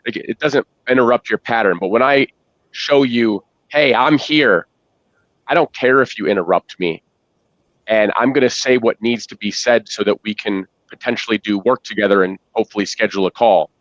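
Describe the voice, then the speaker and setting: A man speaking as a consulting guest, measured and deliberate, using pauses. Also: lowish voice, dry recording. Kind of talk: business discussion with demo pitches. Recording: dry, muffled audio.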